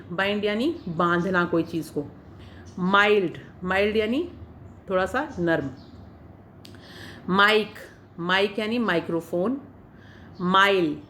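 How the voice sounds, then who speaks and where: A woman's voice: mid-range voice, a bit bright, slight background noise. A woman teaching an English pronunciation class in Hindi, patiently saying each example word and then its meaning. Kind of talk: spoken English lesson for Hindi speakers.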